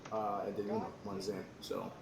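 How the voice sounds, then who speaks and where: A man's voice: lowish voice, monotone, moderate pace, vocal fry. A man chatting casually with teammates as a player in a military sim game. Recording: echoey game chat, chatter behind.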